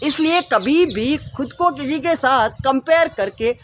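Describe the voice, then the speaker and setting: A man's voice: very high-pitched, expressive, unhurried. A man telling a motivational story in a conversational way, addressing the listener politely. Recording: noisy recording.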